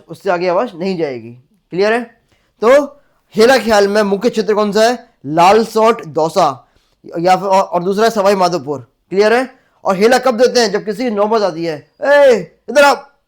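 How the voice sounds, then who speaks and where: High-voiced man drilling exam facts. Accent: Rajasthani. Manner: asks the class "clear?" again and again; drills facts by repeating them. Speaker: teacher. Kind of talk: exam-prep lecture.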